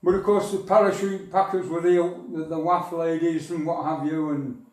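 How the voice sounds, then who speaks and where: An older man from northern England gives a local history society an anecdotal talk full of rambling, wry stories. His voice is a little high and a little mellow, with flat delivery at a normal speed. He is recorded from far off in an echoey hall.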